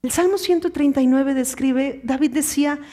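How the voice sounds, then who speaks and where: A woman in her thirties preaching an impassioned sermon, swinging from loud exhortation to hushed whispers. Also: high voice, normal speed. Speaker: pastor.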